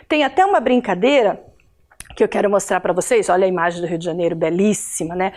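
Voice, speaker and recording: Woman, teacher, Curitiba Brazilian accent, high voice, video lesson, chatty, checks in with learners. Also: darkish tone. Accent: Brazilian Portuguese, Curitiba. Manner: chatty, checks in with listeners often.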